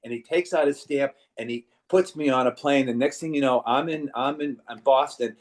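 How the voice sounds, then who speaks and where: A man's voice: mid-range voice, normal speed. An older American man, a class member, earnestly telling a personal story and repeating words for emphasis. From United States. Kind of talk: personal anecdote.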